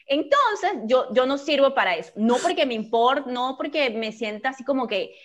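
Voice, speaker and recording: A woman's voice: sits high, lively intonation, normal speed, a bit bright. A woman with a Venezuelan Spanish accent, chatting casually and frankly as a co-host with laughing asides. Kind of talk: casual chat. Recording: dull lo-fi recording.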